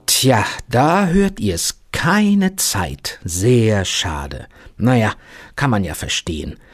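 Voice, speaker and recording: A man's voice: fairly low pitch, takes it slowly. A man presenting a children's radio show, cheerful and playful. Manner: cheerful and playful, with lively intonation.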